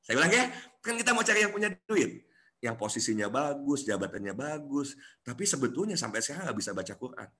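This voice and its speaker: A man giving a coaching class, animated and acting out the people he quotes. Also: mid-range voice, fast. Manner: animated, acts out quoted voices.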